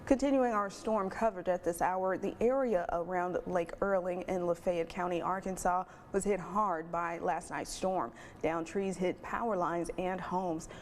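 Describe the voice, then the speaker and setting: A woman news anchor reading the evening headlines in a crisp, measured newsreader manner. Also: lowish voice, fairly even intonation, a little hiss or hum.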